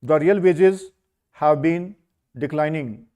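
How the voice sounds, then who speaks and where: A man reads a script as slow school dictation, in short measured phrases with pauses between them. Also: on the high side, mellow. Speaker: dictation reader for a stenography skill test.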